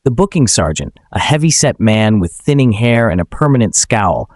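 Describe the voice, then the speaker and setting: A man giving scripted, suspenseful dramatic narration in a measured way. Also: lowish voice, very animated, darkish tone, no room sound, clean studio sound.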